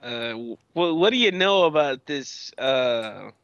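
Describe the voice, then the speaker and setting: A man's voice: mid-range voice, expressive, slow, a bit bright, clear, resonant tone, dry recording, highs cut off. A man playing in a tabletop game who talks in a hesitant, wry way. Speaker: player. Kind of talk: casual tabletop game talk.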